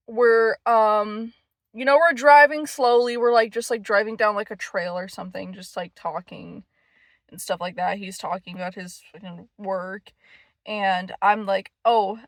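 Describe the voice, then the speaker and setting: A woman's voice: medium pitch, no room sound. Rambling, profane young woman vlogger. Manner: profane, filler-heavy, rambling. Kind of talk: casual storytelling.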